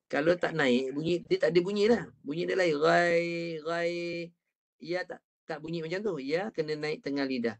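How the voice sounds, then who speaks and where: A male Quran recitation teacher with a Malaysian Malay accent, speaking over a video call in an online class. His voice sits a little high for a man. He patiently sounds out syllables and has the student repeat them. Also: brisk.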